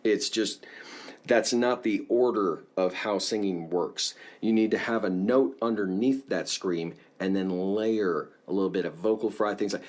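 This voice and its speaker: A man teaching a casual singing lesson, explaining in a relaxed way and often checking in with the viewer. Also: lowish voice, a little slow.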